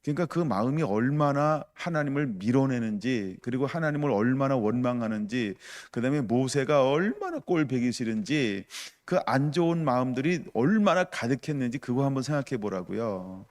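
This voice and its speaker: A man preaches a midweek sermon in an easy, conversational tone, at a middle pitch. He acts out the grumbling of the people in his story and turns to his listeners with direct questions. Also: animated, normal speed, hardly any pauses. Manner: conversational preaching, acts out voices of the crowd, asks the congregation questions. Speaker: pastor.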